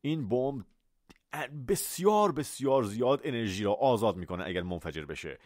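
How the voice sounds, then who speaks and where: A man from Iran runs a vocabulary lesson, saying each word again and again and building simple examples around it. His pitch swings widely as he explains. The sound is dry and close. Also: dry recording. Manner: animated, repeats words for pronunciation and switches between Persian and English. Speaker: English teacher.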